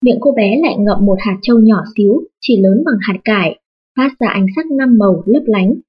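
A woman reading a storybook audiobook aloud in a steady, even manner. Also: medium pitch, moderate pace, slightly rough, muffled recording. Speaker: audiobook narrator. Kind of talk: scripted storybook narration.

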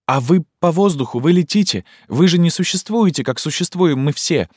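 Guy doing a lovesick young woman in an audiobook, high pleading voice, intense, dry close mic. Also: normal speed, dry recording, natural voice. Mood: impassioned. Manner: pleading, intense, breathless questioning. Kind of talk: audiobook character voicing.

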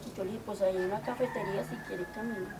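An older woman from Colombia, telling lively stories from her community work, often acting out quoted dialogue. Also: medium pitch, racing. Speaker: community organizer. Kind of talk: storytelling. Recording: distant mic with clear background noise.

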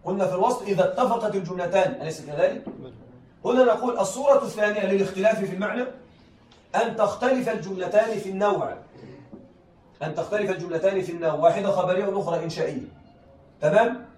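A man's voice: high voice, racing, a little mellow. A male teacher explaining a grammar lesson to a class, often repeating himself and checking that his students follow. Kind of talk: classroom lesson on Arabic rhetoric. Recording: echoey room, voice from far off, faint background noise.

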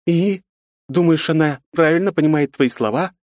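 A man's voice: a little high, normal speed, darkish tone, dry recording, studio quality, pitched above the performer's own voice, lightly acted. A man voicing a stern, protective aunt who scolds sharply and mocks. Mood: scolding.

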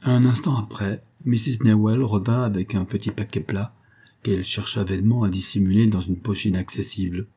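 Male narrator for a classic novella, low, husky, even literary delivery. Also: moderate pace. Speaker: audiobook reader.

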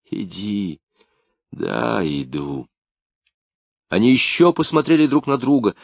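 A male audiobook narrator with a deep voice delivers scripted narration. The recording is dry and of studio quality.

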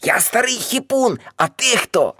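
Brief: woman voicing older male ex-hippie, boastful, rambling, animated delivery, dry studio read. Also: very deep voice, normal speed, no room sound. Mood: brash tipsy.

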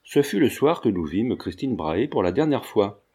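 A man narrating a literary novel as an audiobook, in a measured storytelling manner. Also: lowish voice, sing-song, mellow, breathy edge. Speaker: audiobook reader.

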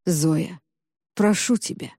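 A woman voicing an earnest young man in love in an audiobook, speaking softly and hesitantly. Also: on the low side, slightly rough, dry recording, clean studio sound, full character voice. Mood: tender. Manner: soft, hesitant, slow and coaxing. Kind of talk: audiobook character reading.

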